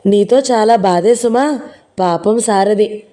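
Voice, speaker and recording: Brief: a reserved, teasing young man, voiced by a woman narrator, mellow and even. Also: medium pitch, takes it slowly, natural voice.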